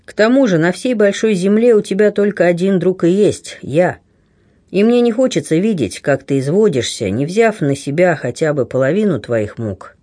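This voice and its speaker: A man's voice: high-pitched, animated, moderate pace, darkish tone. A man reading the part of a blunt, kindly aging buccaneer who grumbles and teases. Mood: gruff warmth. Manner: grumbling, teasing, plain-spoken.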